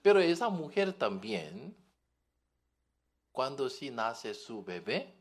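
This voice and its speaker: Male preacher, very slow, animated, keeps asking the audience questions. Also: medium pitch. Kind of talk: sermon.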